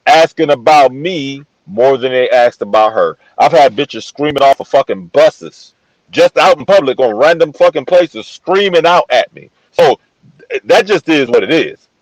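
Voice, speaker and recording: A man's voice: on the high side, animated, unhurried, no echo, poor audio. A man on a casual panel, boastful and profane, repeating himself as he makes his point. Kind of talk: heated casual debate.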